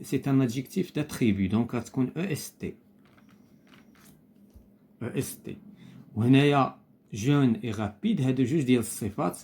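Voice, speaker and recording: A man with a Moroccan accent explaining a primary school lesson, slowing down to spell out phrases carefully. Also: medium pitch, darkish tone. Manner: switches between Moroccan Arabic and slow, deliberate French. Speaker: teacher.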